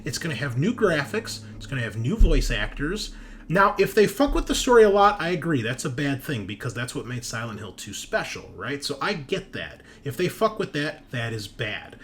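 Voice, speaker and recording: Hosting and game-mastering a tabletop roleplaying show, a man talks at a moderate pace in a mid-range, fairly bright, sing-song voice. His casual chat is a sweary, opinionated rant punctuated by "right?" and "okay?", with slight hiss or hum in the recording.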